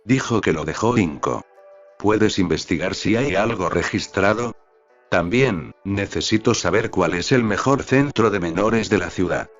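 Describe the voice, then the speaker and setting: A man voicing a tired, curt adult man who speaks in short, flat sentences. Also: lowish voice, measured pace. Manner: terse, flat. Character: weary, curt adult man, terse guardian. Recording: slightly dull audio with faint background music.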